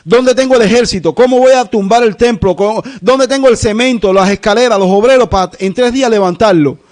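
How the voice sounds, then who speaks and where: A preacher speaks as a composed accused man who turns the accusation back with probing questions. The voice sits fairly high and stays steady. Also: brisk, close to an everyday voice. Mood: challenging. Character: calm, challenging man confronting his accuser.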